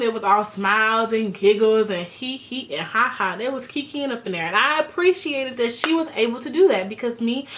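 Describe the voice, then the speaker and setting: A woman's voice: a little high, a bit bright. A woman giving a casual, chatty and sassy recap of a reality show, using "like" a lot. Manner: chatty and sassy, heavy use of "like". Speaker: recap vlogger.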